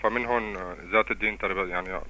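A man's voice: lowish voice, steady tone, racing, pushed and bright, rough recording. A man calling a radio show, speaking earnestly and hesitantly with many fillers. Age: 30s. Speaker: caller.

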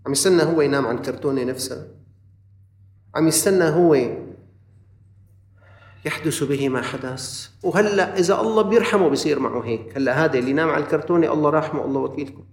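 Impassioned preacher with a Levantine accent. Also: male voice, on the high side, fast, pauses often. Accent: Levantine Arabic. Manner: impassioned, swings between loud urging and quiet earnest asides. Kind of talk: sermon. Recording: roomy, distant from the mic.

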